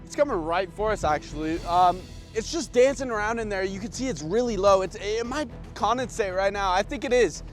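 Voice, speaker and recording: A man giving live on-scene storm-chasing commentary in an excited, raised voice. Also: sits high, fairly quick, hardly any pauses, faint music behind. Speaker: storm chaser.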